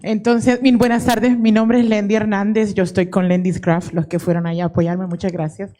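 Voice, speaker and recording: A woman's voice: mid-range voice, flat delivery, moderate pace, dark tone. A woman in her forties giving an earnest personal testimony at a conference, dropping English words into her Spanish. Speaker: audience member giving testimony. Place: conference hall.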